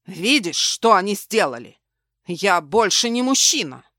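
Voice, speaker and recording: A woman's voice: mid-range voice, very animated, a little slow, sharp tone, dry recording, full character voice. A woman narrator doing an unhinged, vengeful man in an audiobook, snarling and barking threats. The read is close and dry, with no room sound around it. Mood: brutal. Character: vicious vengeful male ex-husband, unhinged. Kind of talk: audiobook dialogue.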